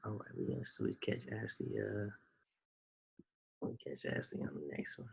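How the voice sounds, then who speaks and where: A man with a fairly low, creaky voice hosts a team video call at a moderate pace. He talks in a loose, slangy way, firing off rhetorical questions to motivate the group.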